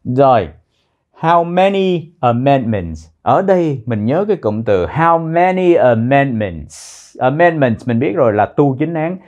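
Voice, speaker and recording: A man teaching a citizenship test lesson, repeating words slowly in pronunciation drills. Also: mid-range voice, animated, darkish tone, dull audio. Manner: slow, drawn-out pronunciation drills.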